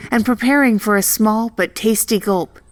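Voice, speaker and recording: A woman with a mid-range voice narrates a scripted children's story, delivering it in a deliberate, expressive storytelling style. There is slight background noise.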